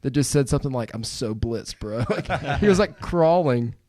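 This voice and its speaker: A man hosting a podcast in a studio, telling stories in a lively, laughing way. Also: medium pitch, moderate pace, a crowd in the background. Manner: animated storyteller, laughs while telling. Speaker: podcast host. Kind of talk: casual podcast chat.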